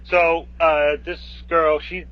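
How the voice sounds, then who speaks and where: A man's voice: fairly high pitch, level tone, slow. A man co-hosting a podcast, retelling a film's plot step by step in a hesitant, casual way. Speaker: podcast co-host. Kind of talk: casual film discussion. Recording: dull lo-fi podcast audio.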